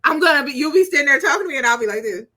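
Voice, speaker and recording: A woman co-hosting a podcast, reviewing a movie in casual chat, animated and joking, swearing freely. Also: high-pitched, very fast. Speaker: podcast co-host.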